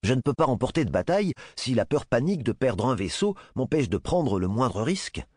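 Storybook boy commander, sharp and decisive, a man reading it, raised pitch, dry close sound. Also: animated, a little fast, husky, no echo. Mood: protesting.

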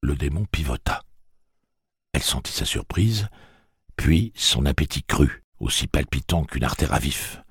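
A male audiobook narrator with an extremely low, gravelly voice and a husky, breathy texture. He reads with an animated, swinging intonation, heard close and dry with no room echo. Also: measured pace. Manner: expressive storytelling reading.

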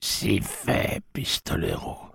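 A man reading an audiobook voices a very old, frail blind woman who speaks in a breathy, hushed whisper. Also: deep voice, wildly swooping pitch, drawn-out words, no room sound, clean studio sound, pitched above the performer's own voice, full character voice. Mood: tender whisper.

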